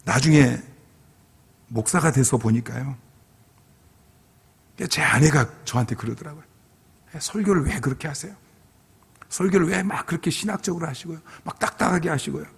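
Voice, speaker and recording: A man's voice: a little high, moderate pace, gravelly, pauses often, slightly rough. A middle-aged male pastor giving a revival sermon as a personal testimony, telling his story earnestly and acting out his own past pleas. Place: church sanctuary. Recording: long hall reverb.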